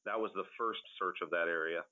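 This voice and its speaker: A man's voice: low voice, a little fast. A man, a police detective, answering interview questions off the cuff in a guarded, official way. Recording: muffled, band-limited interview audio.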